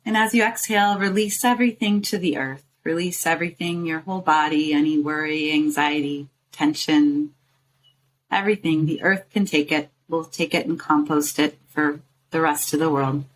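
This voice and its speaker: A woman who guides meditations and hosts the show speaks in a low voice with fairly even intonation, leading a guided meditation. Her short, soothing phrases come with pauses between them, and the rough recording carries some ambient background noise.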